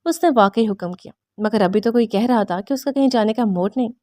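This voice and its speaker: A woman narrating a novel as an audiobook in steady storytelling. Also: a little high, no echo, studio quality.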